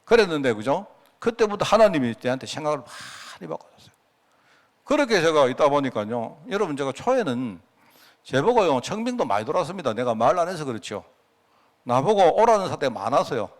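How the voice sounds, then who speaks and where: A middle-aged male pastor with a Gyeongsang Korean accent, preaching in a chatty, storytelling way with asides to his congregation. His fairly high voice swoops up and down with animated pitch. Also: brisk. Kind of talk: conversational Friday prayer-meeting sermon.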